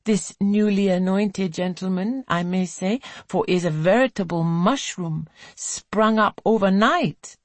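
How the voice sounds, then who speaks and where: A woman's voice: medium pitch, darkish tone, no room sound, pitched above the performer's own voice. A woman reader voicing an arch, gossipy young woman in a storybook.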